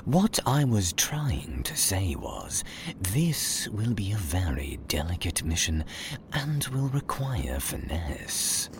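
An actor playing a theatrical, scheming male villain leader who plots in a hushed whisper. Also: low-pitched, very animated, slow pace, noisy background, exaggerated voice. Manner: hushed conspiratorial whisper, then exasperated shouts. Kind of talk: comedic audio drama.

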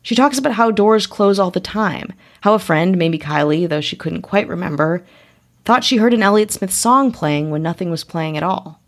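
A woman podcast host who narrates calmly and chats with guests, giving short agreeing replies. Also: on the low side, normal speed. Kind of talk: narration and interview chat.

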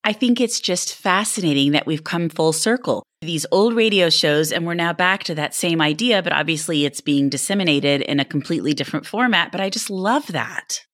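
This podcast host, a woman, handles a scripted introduction and a book interview in a presenter's manner. She speaks at normal speed with few pauses, in a fairly low, slightly bright voice, captured as clean studio sound with no echo.

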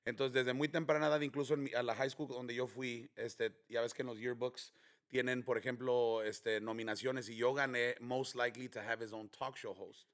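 Joking bright-voiced radio man. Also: mid-range voice, level tone, moderate pace. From Chicago. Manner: joking storyteller, mixes English into Spanish. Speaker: radio announcer guest. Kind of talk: casual podcast chat.

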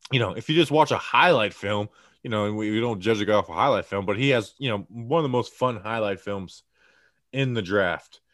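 Man, low voice, casual podcast co-host, excited, rambling, dry close sound. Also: dry recording. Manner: excited, rambling with many fillers. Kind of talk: casual sports analysis chat.

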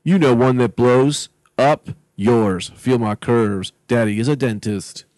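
A man's voice: medium pitch, takes it slowly, a little mellow, no room sound, close to an everyday voice. A man playing a cocky robot detective in a comedy script, talking in showy street slang.

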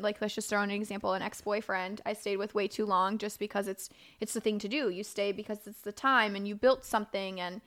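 A woman hosts a casual podcast at a middling pitch. She talks candidly and personally, in a conversational way, checking in with the listener as she goes. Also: a bit bright. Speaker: podcast host. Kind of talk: casual, confessional podcast talk.

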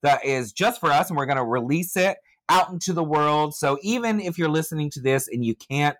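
A man's voice: lively intonation, fairly quick, a bit bright, dry recording, low-quality recording. A man hosting a comedy podcast, a drag performer who is theatrical and bawdy, full of jokes. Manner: theatrical, bawdy jokes, big swoops in pitch. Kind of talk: campy comedic chat.

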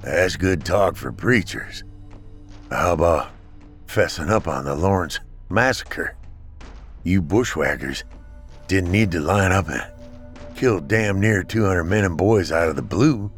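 Man as a stubborn Union officer: gruff, deep, measured, over light music. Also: animated. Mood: defiant. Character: male Union army captain, stern and stubborn.

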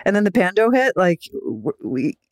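Podcast co-host, woman from Philadelphia, deadpan teaser, low voice, close and dry. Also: moderate pace, dry recording. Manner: dry, teasing deadpan humor. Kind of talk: casual chat.

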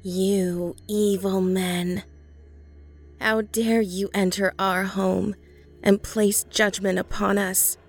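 A woman voicing a possessed teenage girl whose voice sounds warped, with a raspy rumble under the girl's tone, speaking slowly and coldly. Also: little pitch movement, faint music behind. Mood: menacing. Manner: slow, cold, accusing.

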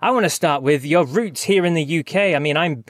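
A man from England, his English voice touched by a slight Scottish lilt, hosts a rock podcast, first reading a scripted intro and then slipping into a casual interview with his guest. His pitch is on the high side and his pace a little fast, captured in a dry, studio-quality recording. He comes across chatty and upbeat, laughing easily.

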